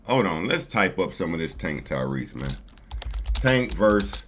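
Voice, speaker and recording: Bright-voiced male streamer, chatty slang. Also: low voice, very animated, measured pace, a little hiss or hum. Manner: loose, chatty, slangy, talks to viewers as family. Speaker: streamer host. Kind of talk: casual live-stream commentary reacting to a video.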